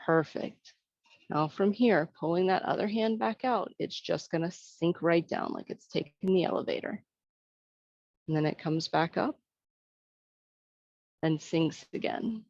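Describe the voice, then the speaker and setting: A woman instructor giving serene, soothing tai chi cues, gently guiding movement and breath in an unhurried way. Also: on the low side, vocal fry, no echo, highs cut off.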